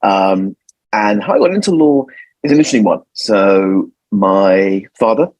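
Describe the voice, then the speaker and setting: A London-born lawyer in his forties, with a London accent, answers interview questions thoughtfully as a guest, often repeating words while he finds his phrasing. His voice is on the low side, a little slow and mellow, captured in a low-quality recording with no room sound.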